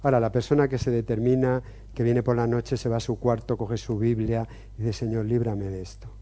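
Deep-toned man giving earnest testimony. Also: flat delivery, brisk, dark tone. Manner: earnest, reflective, many hesitations. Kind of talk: personal testimony and teaching.

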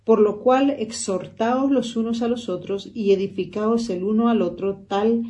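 A female pastor reading scripture aloud at a steady, measured pace. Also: on the high side.

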